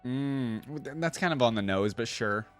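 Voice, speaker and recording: In a very low voice, a woman hosts a casual reaction video, delivering it in an animated way at a moderate pace. She makes informal asides and repeats lines back while music plays faintly behind her.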